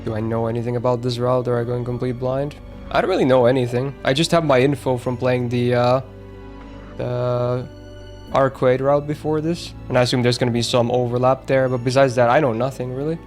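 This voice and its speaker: A man's voice: medium pitch, level tone, fairly quick, a little mellow, faint music behind. A young man streaming a visual novel, reading its text aloud and joking between lines. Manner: casual, joking, reacts with laughs. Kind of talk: gameplay commentary and reading game text aloud.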